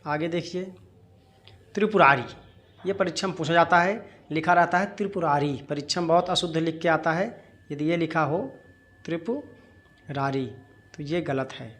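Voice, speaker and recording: A man teaching Hindi spelling in a lesson, who asks his own questions, answers them, and repeats the words slowly. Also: fairly high pitch, fairly even intonation, fairly bright tone.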